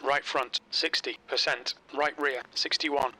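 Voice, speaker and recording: A man's voice: medium pitch, fairly even intonation, unhurried, low-quality recording. A man playing a race engineer who gives terse, clipped calls over pit radio in a racing game. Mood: calm. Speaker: race spotter and crew chief. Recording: loud engine noise behind.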